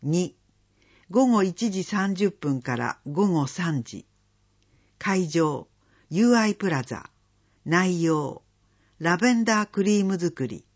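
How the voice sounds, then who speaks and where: A reader going slowly and steadily through community event listings, dates and phone numbers. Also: medium pitch, expressive. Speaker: announcement reader. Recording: dull lo-fi recording.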